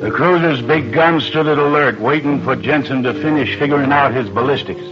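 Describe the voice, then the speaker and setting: An actor playing a tense, hard-bitten sailor narrating a war story in dramatic old radio style. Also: male voice, mid-range voice, a little fast, lightly acted. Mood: grim. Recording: muffled old radio recording. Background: music.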